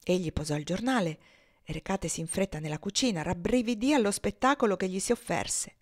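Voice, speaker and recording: A woman narrating a classic novel for an audiobook, in a measured, expressive reading. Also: medium pitch, no room sound, clean studio sound. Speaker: audiobook reader.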